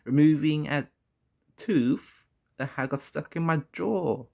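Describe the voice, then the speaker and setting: A man talking casually and candidly in a personal vlog, halting often and swearing mildly. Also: on the high side, creaky, dark tone, dull audio. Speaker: vlogger.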